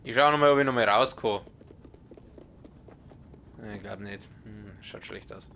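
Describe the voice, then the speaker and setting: A young man with a Bavarian accent commentating his game stream live, with a loud, strong voice that can sound like shouting even in normal talk, excitable and quick to swear at the game. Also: on the low side, gravelly. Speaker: let's play streamer.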